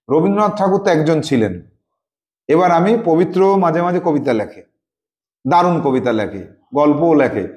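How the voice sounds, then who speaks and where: A man with a fairly high voice walks students through a grammar worksheet. He repeats key words and reads each English example slowly, step by step. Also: darkish tone.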